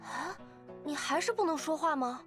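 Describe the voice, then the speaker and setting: An actress voicing a gentle, timid young woman who speaks softly and anxiously in a story game. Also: high-pitched, lively intonation, normal speed. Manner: soft and anxious. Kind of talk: game voice acting. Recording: game audio over loud music.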